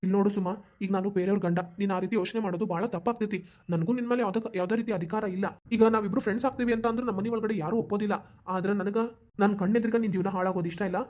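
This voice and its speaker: A woman's voice: medium pitch, steady tone, racing, dark tone, natural voice. Woman voicing a persuasive young husband. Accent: North Karnataka Kannada. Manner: coaxing, reassuring. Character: calm, persuasive young husband, a loyal friend. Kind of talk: cartoon voice acting.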